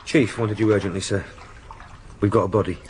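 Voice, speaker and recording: An actor playing a dutiful, cheekily deferential police sergeant in a British radio drama, polite and matter-of-fact. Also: male voice, lowish voice, steady tone, fairly quick, a little mellow, slight background noise, close to an everyday voice. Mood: businesslike.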